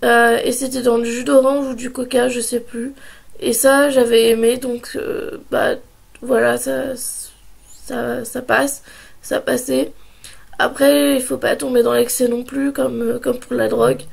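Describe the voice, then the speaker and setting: Sharing her opinions in a casual vlog, a woman in her twenties talks slowly to her camera, her high voice husky, gravelly, and full of fry from a heavy cold and sore throat. Her delivery is flat, and she pauses and restarts often.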